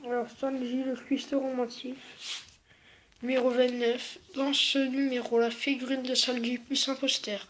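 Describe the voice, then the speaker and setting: A speaker presenting an unboxing video in an informal, halting and repetitive way, with speech affected by new dental braces. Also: high-pitched, little pitch movement. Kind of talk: casual unboxing commentary, partly reading aloud. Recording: clearly noisy home-made recording.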